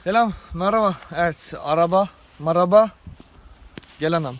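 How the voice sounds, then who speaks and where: A man's voice: high-pitched, normal speed. A young man hosting a casual vlog by a parked car outdoors, teasing and swearing with a friend in slangy banter. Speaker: vlogger.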